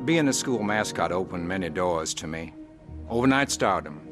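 A man's voice: sits low, expressive, moderate pace, over loud music. An actor playing a grown man soberly narrating his wayward youth in a radio drama testimony. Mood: reflective.

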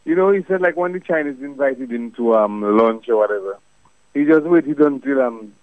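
A man's voice: mid-range voice, moderate pace, no room sound. A man calling in to a radio show, chatty and rambling. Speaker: caller. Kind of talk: casual call-in chat. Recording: dry tinny phone line.

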